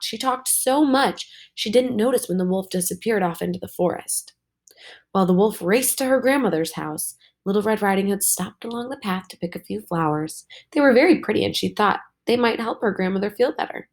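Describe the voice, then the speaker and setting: A woman teacher reading a storybook aloud to her students, slow and expressive. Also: medium pitch.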